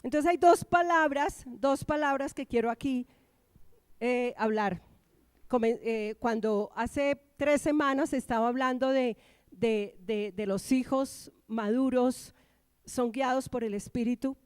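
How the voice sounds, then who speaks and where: A woman's voice: on the high side, takes it slowly, a little mellow, clear, resonant tone, dry recording. A woman pastor from Colombia preaching an emphatic sermon in church, prompting the congregation to repeat after her.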